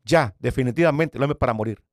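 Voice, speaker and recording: A man in his fifties, an evangelist pastor, giving a personal faith testimony with dramatic storytelling, repeating words and swinging from loud bursts to hushed near-whispers. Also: medium pitch, fast talker, dry recording, studio quality.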